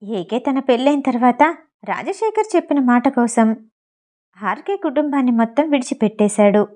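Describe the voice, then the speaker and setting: Warm-voiced woman narrating a novel. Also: a little high, moderate pace. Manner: steady storytelling delivery. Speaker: audiobook narrator.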